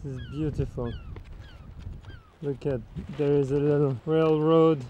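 Upbeat French-accented man, high voice. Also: fairly even intonation, a little slow, highs cut off, slight background noise. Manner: upbeat, playful, with French words mixed in and some searching for words. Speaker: vlog host. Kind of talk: casual travel vlog narration. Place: outdoors on a sailing boat.

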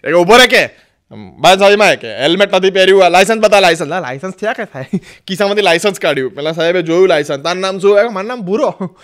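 A man's voice: high voice, rapid-fire. A man with a Gujarati accent telling jokes as a stand-up comedian, acting out the people in his stories. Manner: animated storyteller acting out quoted voices.

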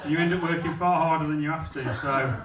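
Here a fairly high-pitched Englishman talks fast with fairly even intonation while telling a self-mocking, blunt stand-up story. He's on a comedy club stage in a small venue with a live audience, using a handheld mic, though he sounds far from it because it's off-axis. Crowd noise, laughter and the room's echo fill the recording.

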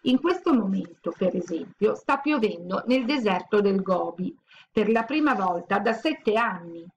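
A woman voicing a patient, sleepy male sand creature who speaks calmly and softly. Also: medium pitch, muffled recording, slight background noise, lightly acted. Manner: calm, soft and unhurried.

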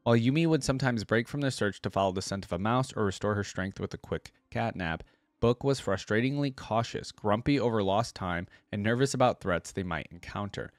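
Reading a story aloud for his reaction video, a young man speaks briskly in a lowish voice and drops in casual commentary. The recording is dry, captured close on a desk mic at his indoor streaming setup.

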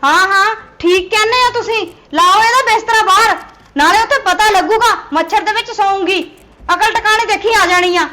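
A sharp-tongued Punjabi daughter-in-law, played by a woman, with a very high voice and a bright, cutting edge. She scolds and dismisses the old mother in this family drama. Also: fairly quick.

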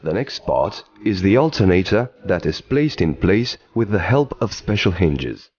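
A man giving scripted documentary narration in an even, explanatory delivery, recorded as a studio voice-over. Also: low voice, a little slow, husky, no echo, dull audio.

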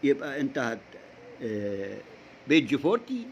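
A man with an Egyptian Arabic accent teaching English to young pupils, repeating words slowly for them to copy. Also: medium pitch, big pitch swings, a little mellow, slight background noise. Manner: slow drilling repetition, stretching words. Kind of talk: recorded classroom lesson for young pupils.

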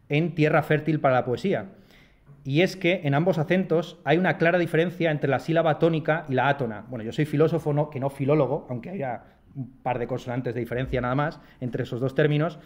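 A man's voice: on the high side, a little mellow. Wry Madrid man reading a lecture. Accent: Madrid Spanish. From Madrid, Spain. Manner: wry, self-deprecating asides. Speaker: philosopher giving a lecture. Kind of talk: read-aloud lecture. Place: lecture hall at a university residence.

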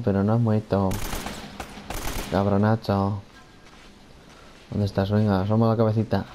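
Slight background noise sits under this mellow, lowish male voice as he plays a video game and narrates casually, chatting to himself and his character, repeating lines, and swearing at the enemies.

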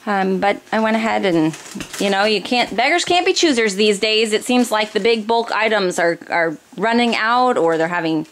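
Indoors at home, in a kitchen or dining room, an American woman in her thirties, a mother and family vlogger, narrates a grocery haul in a relaxed way, explaining items one after another. Her voice is medium-pitched and her pace moderate. A nearby handheld camera records it, with noisy room ambience throughout.

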